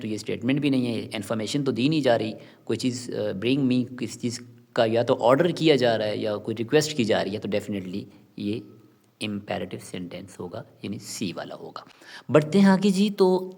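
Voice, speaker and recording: A man, teaching and explaining exam questions. He reads each English question out slowly, then explains it plainly. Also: mid-range voice, gravelly. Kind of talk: exam-prep lesson explanation.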